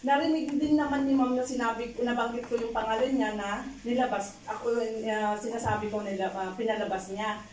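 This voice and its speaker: A woman with a somewhat high voice tells her own story in a casual, halting way, full of fillers and restarts. She sounds set back from the mic, in a strongly echoing room with a faint hiss behind her. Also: steady tone, darkish tone. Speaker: domestic helper telling a personal story. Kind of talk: casual testimony. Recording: echoey room, distant mic, faint noise.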